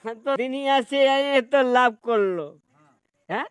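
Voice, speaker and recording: A woman's voice: high voice, takes it slowly, smooth, no room sound. A woman performing a rambling comic monologue. She drifts into half-sung lines and repeats dramatic pleas.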